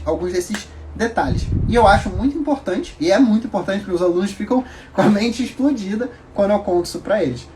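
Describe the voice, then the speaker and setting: A man explaining grammar in a casual video lesson, chatty and animated, with quick asides. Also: high voice, slight background noise. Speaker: English teacher.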